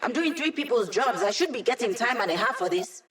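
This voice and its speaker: A woman's voice: a little high, lively intonation, a little fast, lightly acted. A woman voicing a digitized young female hacker in a video game, a wry, upbeat ally with casual, techy chatter. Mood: dry, teasing.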